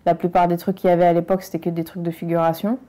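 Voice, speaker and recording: In a rapid-fire, warm, lowish voice with little pitch movement, a French woman speaks frankly and emphatically during a casual documentary interview, addressing the listener directly.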